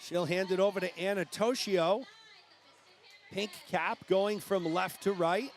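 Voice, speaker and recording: A man with a New England accent calling a youth swim meet live, brisk play-by-play that rises at the finishes. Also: high voice, some chatter behind. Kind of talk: live sports commentary.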